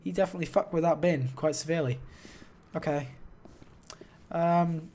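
A young man giving excitable, joking, profane commentary while playing a game, close to his mic. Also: on the high side, moderate pace, a little hiss or hum. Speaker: gaming commentator. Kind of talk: let's play commentary. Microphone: close desk mic.

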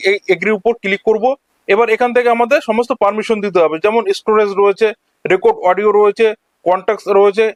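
A male tech tutorial host narrates a screen-recording tutorial as a voice-over, walking through each step in turn. His voice sits high, with no echo.

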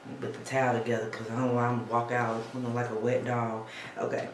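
A woman's voice: extremely low pitch, level tone, fast, very noisy. Chatty woman giving a tutorial in a roomy bathroom. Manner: chatty, checks in with "okay?", calls viewers "sis". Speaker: beauty vlogger. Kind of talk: casual how-to tutorial. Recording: roomy echo, faint ambience.

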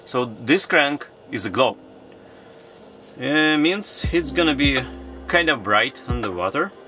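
A man in his thirties talking to camera from an ice-fishing tent, in broken non-native English and breaking into excited exclamations. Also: mid-range voice, slow pace, over music. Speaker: fishing vlogger. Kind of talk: casual vlog narration to camera. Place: inside an ice-fishing tent on a frozen lake. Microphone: action camera mounted in the tent.

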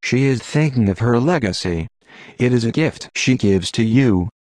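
A man voicing a calm, patient Jedi master in an audiobook, speaking quietly and firmly. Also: medium pitch, no echo, natural voice. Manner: quiet, firm and measured.

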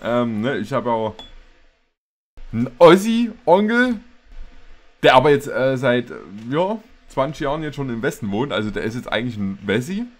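A man's voice: medium pitch, sing-song, moderate pace. A man with an East German accent giving casual reaction commentary, laughing often and repeating words. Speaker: YouTuber reacting to a video.

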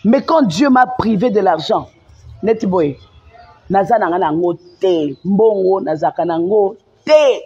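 Femme congolaise à la voix rauque, véhémente. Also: female voice, medium pitch, unhurried, warm tone, slightly rough, faint music behind. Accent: Congolese French. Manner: emphatic and repetitive, mixing French with Lingala. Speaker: live-stream host. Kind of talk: impassioned live-stream rant. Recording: dull lo-fi sound.

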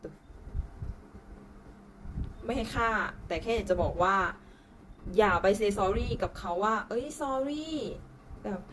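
A woman's voice: a little high, animated, a little slow, a bit bright, slight background noise, poor audio. A woman from Thailand with a Thai accent, talking bluntly and coarsely to camera in a casual vlog. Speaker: vlogger.

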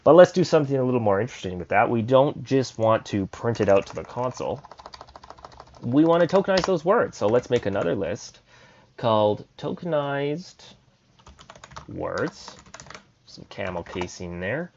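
A man's voice: mid-range voice, lively intonation, moderate pace, vocal fry, a little mellow, highs cut off, slight background noise. A man casually explaining code in a screen-recorded programming tutorial, thinking aloud as he types.

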